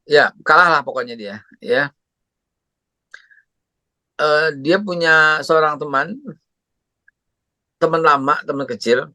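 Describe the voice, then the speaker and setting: A man's voice: fairly high pitch, slow, pauses often, bright, forceful tone, no echo. A man who preaches a parenting talk and tells stories animatedly, acting out voices. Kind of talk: religious parenting talk with storytelling.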